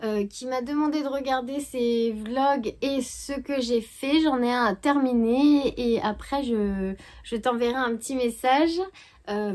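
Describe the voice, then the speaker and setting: A woman's voice: fairly high pitch, a little mellow. A woman hosting her knitting podcast, chatting casually and hesitantly with many fillers. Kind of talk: casual chat.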